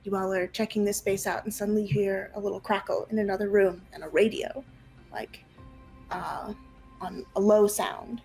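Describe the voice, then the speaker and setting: A young woman narrating an online tabletop roleplaying game as game master, improvising her descriptions haltingly. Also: mid-range voice, steady tone, vocal fry, a little mellow. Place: room at home, on a group video call. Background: faint music.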